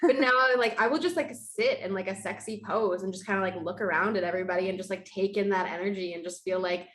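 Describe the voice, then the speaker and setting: Brief: woman, medium pitch, chatty and reflective podcast conversation. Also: quick pace, fairly bright tone.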